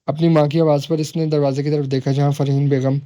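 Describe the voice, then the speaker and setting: A man narrating a romance novel in a steady, unhurried storytelling voice. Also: a little high, dry recording. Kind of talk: audiobook novel reading.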